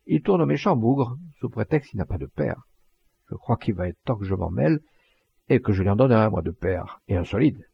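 A man voicing a blunt, boastful rustic poacher, with a husky, gravelly voice and earthy, emphatic talk. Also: on the low side, animated, normal speed, muffled recording, full character voice. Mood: vexed. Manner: earthy, plain-spoken, emphatic.

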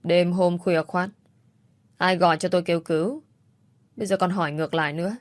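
A woman's voice: fairly low pitch, fairly even intonation, a little fast, dry recording, lightly acted. A woman voicing a cold, sneering young man who speaks in clipped, icy lines in a storybook reading.

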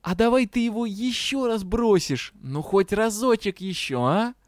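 Man as a cheeky fantasy dragon, brash and teasing, smooth clear tone. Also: fairly high pitch, a little slow, a little mellow, no echo, studio quality, natural voice. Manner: brash, teasing, mock-indignant.

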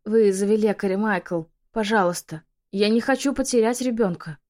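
A woman voicing a desperate young pregnant witch who pleads and shouts in a raised, loud voice. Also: fairly low pitch, brisk, lightly acted. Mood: pleading.

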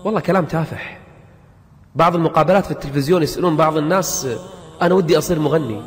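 Preaching with emphasis, a man pounds out rhetorical questions and repeats lines to drive them home in a motivational sermon. He talks very fast at a fairly high pitch, over background music in a long, reverberant hall.

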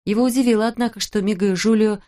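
An audiobook narrator reading a children's story in an even storytelling manner. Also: medium pitch, very fast.

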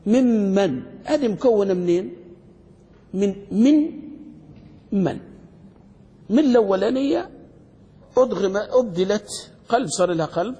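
Man, sheikh teaching a class, mellow high voice, quizzing questions, echoing hall. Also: animated. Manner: quizzes students with quick questions; halting restarts while searching words. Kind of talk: classroom lecture. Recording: long hall reverb.

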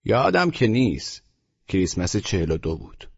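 A man's voice: on the low side, big pitch swings, creaky, husky, highs cut off, voice pushed up, heavily acted. A man voicing a rude, weary young man who answers curtly and sarcastically in an audiobook story. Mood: gruff. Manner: curt, cursing, sarcastic.

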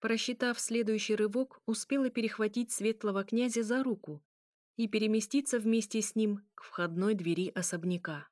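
A woman's voice: medium pitch, steady tone, moderate pace, darkish tone, no echo. Woman narrating a story, dry sound. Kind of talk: audiobook narration.

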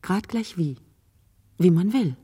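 An actress playing a young fiancée in a radio play, speaking plainly and matter-of-factly. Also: female voice, fairly low pitch, animated, slow, warm tone, husky, long reverb tail, exaggerated voice.

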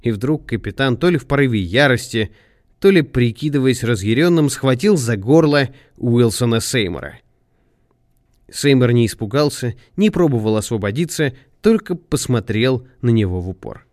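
A man reading a detective story aloud in measured, expressive narration. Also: mid-range voice, no echo, clean studio sound. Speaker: audiobook narrator. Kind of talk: scripted narration.

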